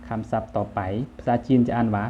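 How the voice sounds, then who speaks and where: A man with a Lao accent giving a vocabulary lesson, saying each word twice, louder and higher, between plain friendly explanations. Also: quick pace, slight background noise. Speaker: language teacher. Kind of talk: vocabulary lesson, reading words aloud twice. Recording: dull lo-fi sound.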